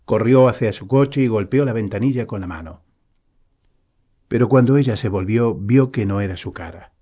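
Calm, low-voiced male narrator. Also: moderate pace, breathy edge. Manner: calm, even storytelling. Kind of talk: audiobook narration.

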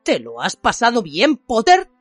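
A cold, menacing male professor who drags out each sneering word with slow menace, as a woman reading a storybook puts him on. The recording is dry and close, with faint music underneath. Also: on the high side, wildly swooping pitch, breathy edge, no room sound, heavily acted.

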